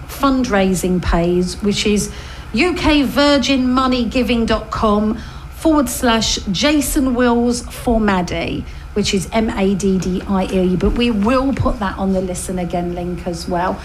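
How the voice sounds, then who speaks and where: High-voiced woman hosting radio chat. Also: slight background noise, rough recording. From Essex, England. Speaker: radio host.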